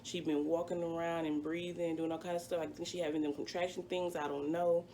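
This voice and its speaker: This twenties-aged vlogger rambles through a storytime with lots of fillers, sounding chatty and casual. She speaks a little fast in a mellow, fairly low voice with a flat delivery, over slight background noise.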